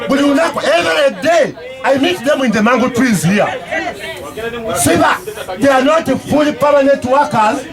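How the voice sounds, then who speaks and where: High voice, ugandan councillor guy, pushy and repeats himself. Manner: emphatic, repeats himself, now and then shouts. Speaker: municipal councillor. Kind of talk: public statement.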